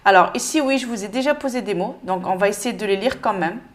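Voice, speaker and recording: Une femme qui donne un cours de lecture avec patience, en répétant lentement chaque mot. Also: female voice, medium pitch. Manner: patient, repeats each word slowly. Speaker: Arabic reading teacher. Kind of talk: step-by-step lesson.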